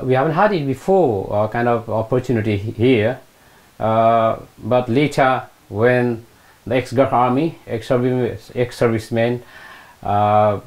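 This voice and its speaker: Seated on a sofa in a small room with a lapel mic, a retired Gurkha of the British Army, middle-aged and from eastern Nepal, hesitantly recounts his life for an oral history interview. He speaks with a Nepali accent, often repeating phrases, in a mid-range voice on a low-quality recording.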